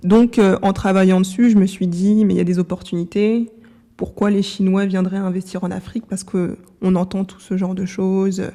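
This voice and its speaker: A young woman in her twenties from France answers interview questions calmly, with a few fillers. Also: mid-range voice, normal speed. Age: 20s. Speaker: interview guest. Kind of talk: conversational interview.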